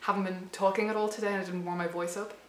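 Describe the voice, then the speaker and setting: In this reflective vlog, the channel host, a woman in her late twenties to thirty, keeps circling back on herself with hesitant restarts and fillers. Her voice is a little worn and hoarse, mid-height in pitch and level in tone. There's clear room echo plus faint background noise.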